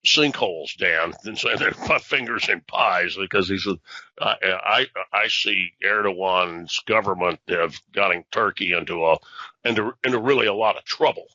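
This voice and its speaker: A man's voice: deep voice, normal speed, bright, forceful tone, dry recording, highs cut off. A man co-hosting a discussion show, explaining at length with many fillers and restarts. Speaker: podcast co-host, analyst. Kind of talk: casual discussion.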